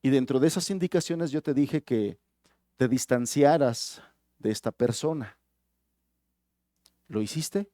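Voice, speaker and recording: A man voicing a pastor who questions a troubled man calmly and softly. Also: medium pitch, measured pace, pauses often, no echo, clean studio sound, natural voice. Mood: calm probing. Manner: calm, questioning, soft-spoken. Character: calm, probing male pastor counseling.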